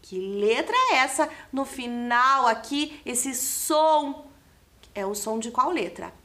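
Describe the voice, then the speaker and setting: A woman's voice: high-pitched, sing-song, slow, pushed and bright. A woman with a Brazilian Portuguese accent, teaching a lesson to young children. She spells out letters and syllables and keeps asking the class questions. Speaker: primary school teacher. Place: classroom studio for televised lessons.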